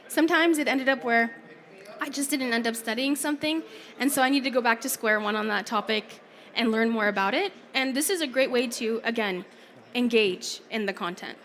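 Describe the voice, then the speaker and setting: A woman gives a live talk from a conference theater stage, her voice slightly high and starting to go. She keeps a chatty tone with frequent small apologies. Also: a bit bright. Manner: chatty, laughs often, apologetic asides. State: losing her voice. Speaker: presenter.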